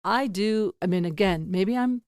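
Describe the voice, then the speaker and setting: A woman's voice: medium pitch, moderate pace, darkish tone, dry recording, clean studio sound. A middle-aged woman hosting a podcast, talking frankly and rambling, often laughing at herself. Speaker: podcast host. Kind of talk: candid casual interview chat.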